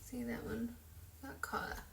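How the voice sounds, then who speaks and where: A woman's voice: on the high side, steady tone, slow, gravelly, fairly bright tone, a little hiss or hum. Chatty young woman doing a makeup tutorial. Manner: chatty, self-deprecating, talks while working. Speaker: makeup vlogger. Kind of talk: casual tutorial chat.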